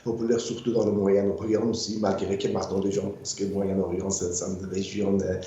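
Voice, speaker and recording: An older man from Iran, a guest artist in an interview, speaking haltingly with many fillers and repeated words. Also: low-pitched, little pitch movement, dark tone, slight background noise. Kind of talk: interview conversation. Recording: muffled, very echoey room.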